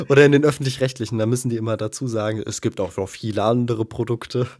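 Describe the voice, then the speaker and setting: A man's voice: medium pitch, expressive, fast talker, darkish tone. A man co-hosting a casual podcast, chatty and teasing, explaining his points at length. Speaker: podcast co-host.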